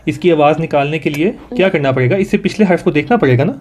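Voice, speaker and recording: A man's voice: fairly high pitch, expressive, darkish tone. Patient Pakistani man tutoring Quran reading. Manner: patient, repeats each sound slowly for the student to echo. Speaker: Quran recitation teacher.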